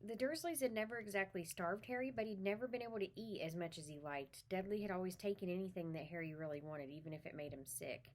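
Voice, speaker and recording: A woman with a lowish, slightly mellow voice reads a children's story aloud quickly, barely pausing, and speaks to her young listeners in a friendly, informal manner.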